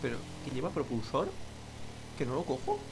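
Excitable young Spanish gamer, swinging pitch. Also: male voice, moderate pace, background noise. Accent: Spain Spanish. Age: young adult. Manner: excitable, swears and yells at other players. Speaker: gaming YouTuber. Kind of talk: live gaming commentary.

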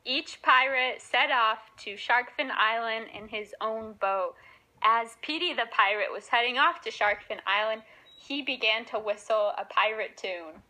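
A woman's voice: on the high side, unhurried, pushed and bright, rough recording. A woman narrating a cartoon story in a simple, earnest way.

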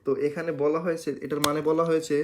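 A man teaching beginners Italian, drilling syllables slowly one by one and explaining patiently, repeating so they remember. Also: on the high side, monotone. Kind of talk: beginner language lesson.

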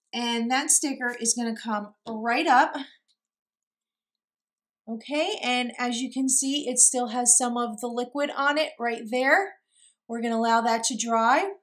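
A woman from New York chatting casually as she unboxes craft mail, gushing and laughing often. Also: fairly high pitch. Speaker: craft vlogger.

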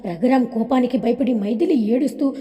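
A woman narrating a family drama as an audio story, in a steady, expressive telling. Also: on the high side, a little fast, big-room sound.

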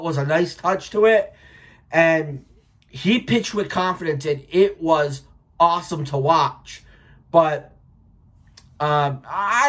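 Here a baseball-loving vlogger from Rhode Island, an American in his thirties, offers opinionated, profanity-heavy post-game commentary in a casual style. His higher voice has a fairly bright tone, and he records by webcam in a small furnished room at home.

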